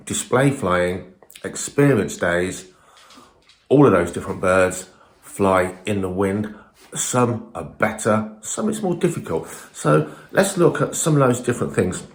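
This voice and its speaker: A man's voice: lowish voice, roomy sound. A man giving an informal, emphatic and opinionated talk to camera as a falconer presenting his own video, often throwing in rhetorical questions.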